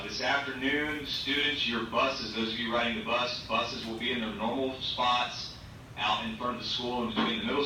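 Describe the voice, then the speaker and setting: A man making a school announcement over the intercom, measured and repeating the key instructions. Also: recorded from a distance. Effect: school intercom loudspeaker. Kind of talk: public address announcement. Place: heard in a classroom through a wall loudspeaker. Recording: booming echo from a ceiling speaker, noisy classroom.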